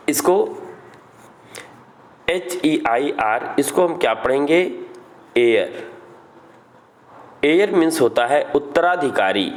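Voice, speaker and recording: Guy teaching grammar, slow and careful, slightly high voice, keeps asking then answering. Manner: slow, explains step by step, asks questions then answers them. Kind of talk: grammar lesson.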